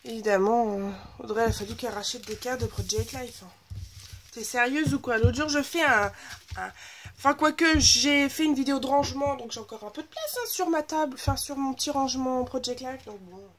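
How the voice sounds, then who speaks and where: A woman's voice: sits high, fairly quick, a little hiss or hum. A woman with a slightly blocked, nasal voice, chatting enthusiastically in a casual haul video about her new craft supplies. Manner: chatty and enthusiastic, gushing over purchases. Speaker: scrapbooking vlogger.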